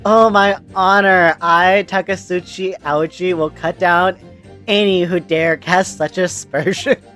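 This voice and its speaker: A woman's voice: fairly low pitch, fairly even intonation, a little slow, fairly bright tone, soft background music. A woman voicing a proud, hot-blooded young male swordsman in a game, speaking in a declamatory way.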